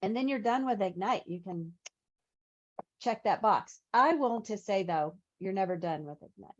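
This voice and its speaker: A woman's voice: mid-range voice, lively intonation, moderate pace. Woman trainer on a muffled call. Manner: conversational, explains with examples. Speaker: real estate trainer. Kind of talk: teaching on a video call.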